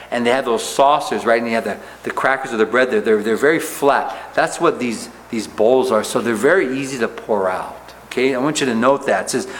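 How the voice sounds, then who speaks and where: A man's voice: medium pitch, a bit bright, in a large hall, rough recording. A male pastor teaching verse by verse in a conversational way, often checking in with "right?" and "okay?".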